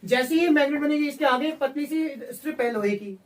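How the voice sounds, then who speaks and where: A man teaching a class, lively and joking, often checking whether his students follow. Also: very high-pitched, a little fast. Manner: mixes Hindi with English terms, jokes with class. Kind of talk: classroom lecture. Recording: voice from far off the mic.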